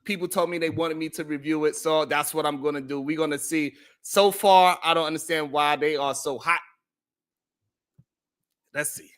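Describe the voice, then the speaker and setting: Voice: medium pitch, fairly even intonation, moderate pace, clean tone. A host giving casual live commentary, thinking aloud in a hesitant way.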